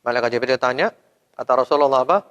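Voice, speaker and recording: A man preaching a sermon to a women's study group, at an ordinary middle pitch. He keeps firing rhetorical questions at the audience, jumping up loud, then dropping to soft, trailing endings. His voice rings with a long hall reverb. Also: fast, clear, resonant tone, dull audio. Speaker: Islamic preacher.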